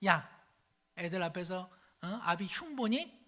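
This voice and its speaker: A man, a preacher, voicing a sharp-tongued older mother-in-law who scolds her daughter-in-law. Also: high-pitched, animated, measured pace, exaggerated voice. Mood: scolding.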